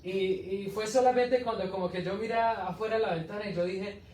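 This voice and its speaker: A high-voiced man preaches an animated testimony, telling his story with laughs and asides. He is heard from a distance in an echoey hall, with faint background noise. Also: fairly quick. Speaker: evangelist preacher. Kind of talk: testimony sermon. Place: church hall.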